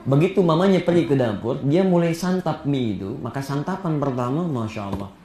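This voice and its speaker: A man preaching a sermon, telling stories with a voice that leaps high for emphasis and drops low and soft. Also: brisk, slight background noise. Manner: animated storytelling, voice climbing high for emphasis and dropping soft. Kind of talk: Islamic sermon to a congregation. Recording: echoey hall.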